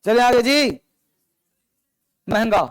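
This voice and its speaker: A man leads a grammar lesson. He explains slowly and repeats words to drill his students. The recording is dry and close, with no room echo. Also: very high-pitched, clear, resonant tone. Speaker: teacher.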